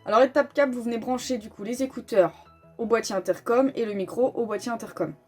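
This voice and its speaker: A woman hosts a casual motorcycle gear tutorial over background music, explaining as she goes and announcing each step. Her fairly high voice is dark-toned and breathy, and she talks fairly quickly.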